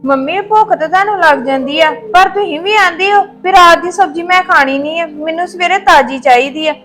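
A woman's voice: extremely high pitch, a little fast, soft background music. A young woman playing a mild young daughter-in-law. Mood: explaining. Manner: mild and answering back gently.

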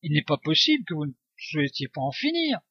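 A man's voice: fairly high pitch, sing-song, brisk, husky, no room sound, dull audio. A man reading the part of a pushy negotiator who insists and argues. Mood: insistent. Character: pushy male end-of-life negotiator.

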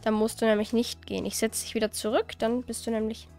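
A woman with a fairly high voice talks through her game session in a loose, chatty way. She grumbles, asks her viewers questions and curses lightly when things go wrong. Soft music plays behind her. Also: level tone, fast talker. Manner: chatty, exasperated, swears lightly. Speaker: let's play host. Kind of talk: casual gameplay commentary.

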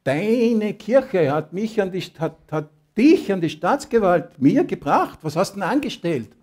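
A man's voice: sits high, very animated, measured pace, a little mellow, pitched above the performer's own voice, heavily acted. A man voicing an indignant, demanding Roman governor in a raised voice.

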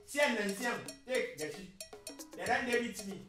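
Distant echoey Nigerian Pidgin buyer. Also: male voice, very high voice, lively intonation, bright, forceful tone, faint music behind. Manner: bargaining, laughing, hurried. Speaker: buyer in skit. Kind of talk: comic skit acting.

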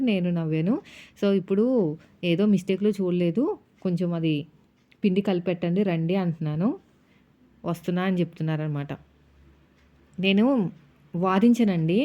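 A woman, a housewife vlogger, chatting casually as she narrates her day and retells family arguments. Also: lowish voice. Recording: dull lo-fi sound.

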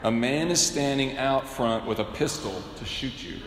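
A middle-aged man delivers a sermon into a pulpit microphone, measured and dryly humorous. His voice rings through a large cathedral, with a long reverb trailing each phrase and a faint hum of the room behind it. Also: medium pitch. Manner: measured, with wry humor and rhetorical questions. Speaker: bishop preaching.

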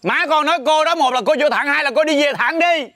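A quiet, gravelly-voiced grown son. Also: male voice, very high voice, fast, faint music behind, exaggerated voice. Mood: firm. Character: calm young man defending himself to mother. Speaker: adult son. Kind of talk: TV family drama acting.

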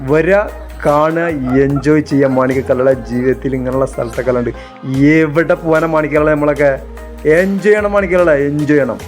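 Talking fast in a voice on the high side, this Malayalam-speaking travel vlogger from the Malabar region of northern Kerala narrates his trip casually and excitedly. He mixes English words into his speech, keeps coming back to a catchphrase, and has music underneath.

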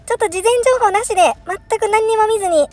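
Female horror game streamer, extremely high-pitched, excitable, thinks aloud, given to alarmed outcries. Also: fast, faint music behind. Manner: excitable, crying out in alarm with repeated panicked exclamations; thinks aloud, puzzling through moves. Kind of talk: first-play horror puzzle game commentary.

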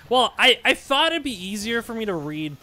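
A man's voice: extremely high pitch, sing-song, fairly quick, sharp tone, soft background music. A young man streaming a game, talking casually in a rambling, conversational way. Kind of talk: casual livestream chat. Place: small indoor room at home.

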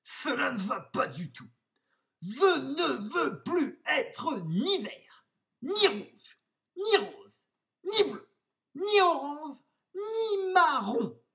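Fussy vain storybook wolf, male, squealing high, loud dramatic outbursts, mic a bit far off. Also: animated, slow pace, full character voice. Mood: despairing.

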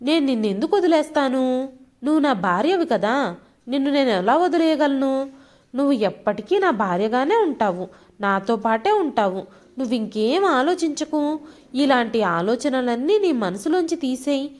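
A woman's voice: high voice, lively intonation, moderate pace, darkish tone. A woman voicing a short-tempered, irritable young husband in a storybook reading, scolding and then consoling his wife.

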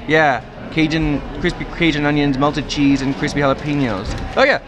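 A young man from Canada vlogging casually, his voice hoarse and raspy from being sick, rambling with lots of fillers. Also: fairly high pitch, normal speed, over music, poor audio. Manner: rambling, filler-heavy talk. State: sick, rough voice. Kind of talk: casual vlog.

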